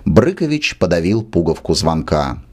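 Expressive male storyteller. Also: low voice, moderate pace. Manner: expressive reading, lively intonation. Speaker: narrator. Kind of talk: literary audiobook reading.

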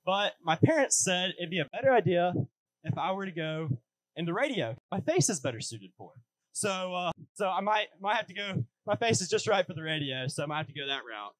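Male, late teens, slightly high voice. Earnest student preacher reading in short phrases, dry recording. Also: sing-song, brisk, no echo, low-quality recording. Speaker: student speaker at a church youth service. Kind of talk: youth sermon read from notes at a lectern. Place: church hall stage, indoors.

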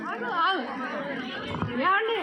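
A woman's voice: very high-pitched, steady tone, takes it slowly. A woman calling out through a megaphone, pleading with a crowd to stand in line. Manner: pleading, repeats please over and over. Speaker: volunteer calling for order at a crowded temple event. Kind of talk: crowd control announcements. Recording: voice from far off over a loud crowd. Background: loud crowd chatter.

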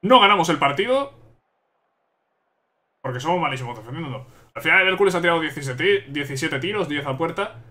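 A young gaming YouTuber commentates live on his football management game in a bright, tense, slightly high voice. He talks a little fast and expressively with frequent pauses, growing exasperated and asking the same questions again and again.

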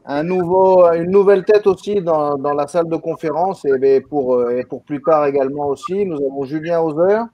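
A man moderating a video meeting, briskly calling on each participant by name. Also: on the high side, no room sound, muffled recording. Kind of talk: casual introductions on a video call.

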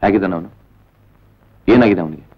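A very deep, husky-voiced husband, quick and accusing in his questions. The old film soundtrack is dull and muffled, with faint music behind him. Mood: concerned. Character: suspicious, irritable husband, adult man. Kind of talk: 1970s Indian film dialogue.

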